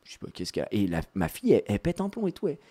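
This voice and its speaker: A man streamer telling a family story in a casual, animated, slangy way. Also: on the low side, rapid-fire, slightly rough.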